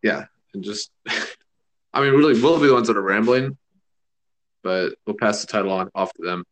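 Low-voiced laid-back podcast co-host man. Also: moderate pace. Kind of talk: casual chat.

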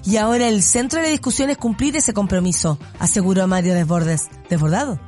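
A woman's voice: medium pitch, brisk, a little mellow, soft background music. A woman with a Chilean accent hosting a radio show, giving blunt, sarcastic commentary and laughing often. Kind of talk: casual opinionated radio commentary.

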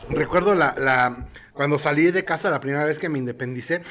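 A man with a Mexican accent co-hosting a casual chat, animated and laughing often. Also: fairly high pitch, brisk. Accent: Mexican Spanish. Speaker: co-host.

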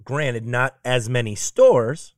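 A man's voice: medium pitch, slow, no echo, studio quality. A man hosting a casual podcast with old friends, joking around and breaking into bits of song. He grew up in Germany. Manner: animated, joking, breaks into sung snippets. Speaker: podcast host.

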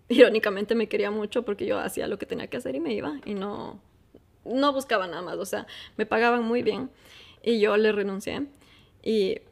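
A woman, telling her own life story in a casual, chatty way and laughing often. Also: medium pitch. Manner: chatty, laughs often, lively asides to listeners. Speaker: host.

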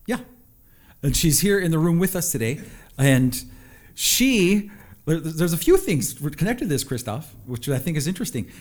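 A middle-aged man, telling personal stories casually in a reflective, halting way. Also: fairly high pitch, sing-song. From a North American reservation. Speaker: interview guest, psychologist and musician.

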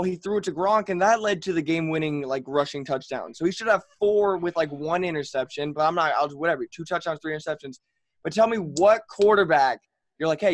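Young man, ranting podcast co-host, a bit high voice, dry close sound. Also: no echo. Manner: ranting, exasperated, sarcastic. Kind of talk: casual sports podcast chat.

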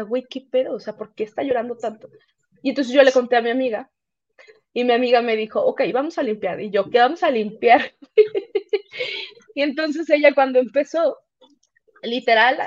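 Mexican woman chatting on a podcast, kinda high voice, dull dry lo-fi sound. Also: dry recording. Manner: animated storyteller, acts out quoted speech. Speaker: podcast guest. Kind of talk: casual chat.

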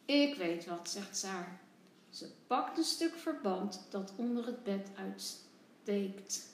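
A woman kindergarten teacher reading a picture book aloud to young children, gentle and expressive. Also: medium pitch, echoey room, a little hiss or hum. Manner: gentle, slow, expressive storyteller.

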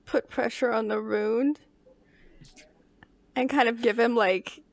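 Female player, bright lively gravelly voice, close dry recording. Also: fairly high pitch, slow, no echo. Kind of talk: casual tabletop play.

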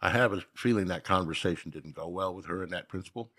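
An older man from Minnesota, a guest telling a story in a casual, animated way, laughing as he goes. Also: low-pitched, fast talker, breathy edge.

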